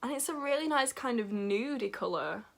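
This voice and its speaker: A teenage girl, chatting excitedly and giggling as she unboxes beauty samples for her vlog. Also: a little high, normal speed, vocal fry, a little hiss or hum. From England, North Yorkshire. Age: teens. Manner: bubbly, gushing, giggly. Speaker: beauty vlogger. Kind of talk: casual unboxing chat.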